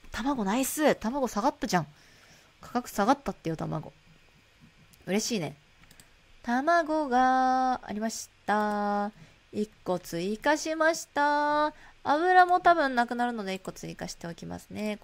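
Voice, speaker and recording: A woman streaming a shop management game, chatting casually to herself and greeting customers in a bright shop-clerk voice. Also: a little high. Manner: chatty, playful, talks to herself while playing. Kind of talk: casual gameplay commentary.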